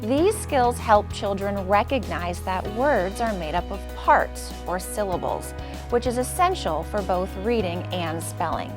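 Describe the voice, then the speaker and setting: Woman teacher, patient and clear, middle pitch. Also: lively intonation, a little slow, music in the background. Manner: clear, patient teacher talk, bright praise to a child. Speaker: teacher and channel host. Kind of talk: scripted teaching intro and one-on-one demonstration.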